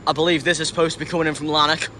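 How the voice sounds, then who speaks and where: Higher-voiced man vlogging in a noisy station. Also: level tone, racing, sharp tone. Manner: hesitant, self-correcting. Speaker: trainspotting vlogger. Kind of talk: casual vlog commentary. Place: large railway station. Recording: clear railway station background noise.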